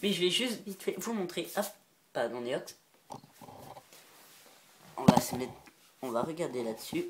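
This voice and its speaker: A man's voice: fairly high pitch, lively intonation, moderate pace, long pauses, very noisy. A man making a casual show-and-tell vlog about reptile lamps. He rambles, giggles often and admits when he is unsure. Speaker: reptile-keeping video maker.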